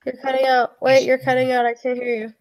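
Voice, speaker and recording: Woman, slightly high voice, gravelly fry, candid, casual video call. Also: completely flat delivery, fast talker. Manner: candid and self-deprecating. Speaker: student in a study group. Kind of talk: casual study-group chat.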